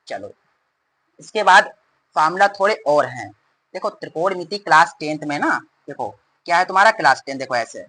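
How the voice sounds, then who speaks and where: Fast-talking male math teacher. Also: sits high, bright, forceful tone, poor audio. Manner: rapid, repetitive, addresses students as beta. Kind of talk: fast classroom explanation.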